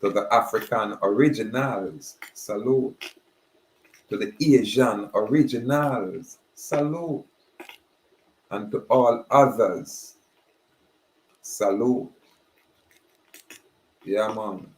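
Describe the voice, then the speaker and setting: A man giving a slow, emphatic preaching monologue. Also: fairly low pitch, darkish tone. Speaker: spiritual speaker. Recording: roomy echoey recording.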